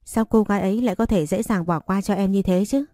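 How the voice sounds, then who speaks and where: A woman's voice: mid-range voice, fast, dark tone, no room sound, soft background music, close to an everyday voice. A woman reading a timid, curious young shop girl.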